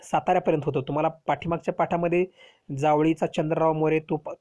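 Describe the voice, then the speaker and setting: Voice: medium pitch, level tone, quick pace, darkish tone. A teacher telling a history lesson to children, explaining step by step and asking rhetorical questions.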